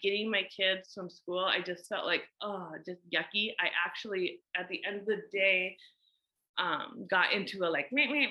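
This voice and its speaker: A woman's voice: medium pitch, pushed and bright, rough recording. A woman in her thirties, a mother, talking candidly through a personal reflection with many fillers.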